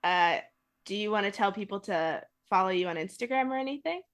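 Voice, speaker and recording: A woman's voice: mid-range voice, expressive, a little fast, a bit bright. A young woman hosting a podcast, chatting casually with a friend, laughing often and saying "like" a lot. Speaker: podcast host. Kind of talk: casual chat.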